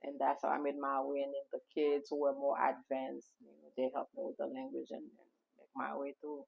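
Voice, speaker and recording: Woman from Haiti, guest author, gravelly husky voice, dull lo-fi sound. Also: a bass voice, completely flat delivery, a little fast. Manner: reflective, storytelling with frequent fillers. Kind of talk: casual interview conversation. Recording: dull lo-fi recording.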